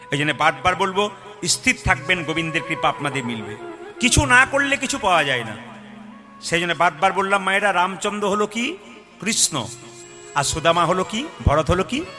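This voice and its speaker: A man preaching at a devotional kirtan gathering, dramatic, swinging between loud cries and hushed storytelling. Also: high-pitched. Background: music.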